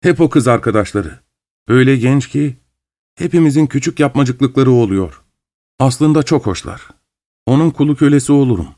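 A man narrating an audiobook voices a fawning, pleading middle-aged husband, speaking softly and ingratiatingly. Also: mid-range voice, animated, normal speed, no room sound, clean studio sound, pitched above the performer's own voice, close to an everyday voice. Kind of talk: audiobook character reading.

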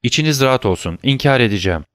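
A man's voice: medium pitch, animated, racing, a bit bright, no echo, clean studio sound, voice pushed up, close to an everyday voice. A man voicing an earnest, anxious young male sailor being questioned, speaking in a pleading, eager-to-please way.

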